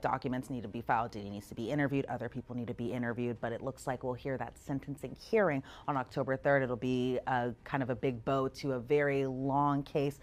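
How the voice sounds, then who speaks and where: A woman court reporter chatting casually about a court schedule with a host, laughing now and then. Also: a bass voice. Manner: chatty, laughs between facts. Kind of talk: casual news chat.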